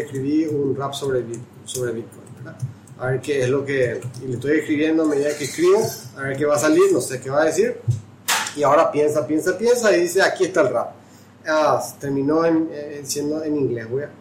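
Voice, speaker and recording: A man with a slightly raised pitch talks loosely, stopping and restarting his sentences as he explains. His voice bounces around an echoey room, and faint noise sits underneath it. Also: a little fast. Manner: rambling, many restarts and fillers. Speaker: host demonstrating a chatbot. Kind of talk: casual chat.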